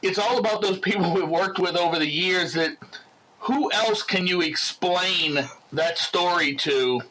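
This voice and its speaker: Male host, bright and a bit husky, reflective interviewer. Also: high-pitched, unhurried, rough recording. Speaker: podcast host. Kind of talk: interview conversation.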